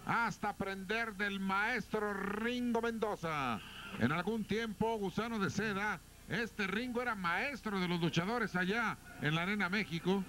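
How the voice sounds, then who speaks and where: Mexican guy on old tv wrestling broadcast, super high voice, pompous and teasing, noisy arena behind him. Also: bright, forceful tone. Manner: grandiose, teasing, drawn-out exclamations. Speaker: wrestling commentator. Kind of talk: excited sports commentary with banter.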